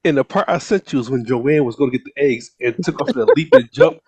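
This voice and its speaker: A man co-hosting a podcast, chatting casually in an animated, slangy way with plenty of swearing. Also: mid-range voice, a little fast, husky, muffled recording. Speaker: podcast co-host. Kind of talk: casual chat.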